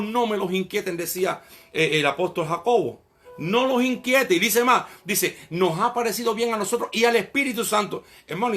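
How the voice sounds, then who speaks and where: A man preaching a sermon in an animated way, often addressing the listener as brother. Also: a little high.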